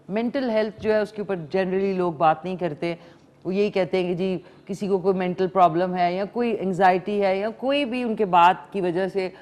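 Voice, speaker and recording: A woman's voice: fairly low pitch, a little mellow. Pakistani woman host, chatty call-in style, drops English phrases into Urdu talk. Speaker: morning show host taking calls. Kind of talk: live call-in talk show chat.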